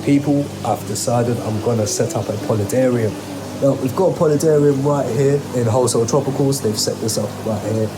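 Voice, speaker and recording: A man's voice: mid-range voice, a little fast, background noise. A man hosting a hobby vlog in an enthusiastic, colloquial style, talking straight to his viewers. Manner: colloquial, addresses viewers directly. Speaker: host of an aquarium hobby channel. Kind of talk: enthusiastic casual vlog narration.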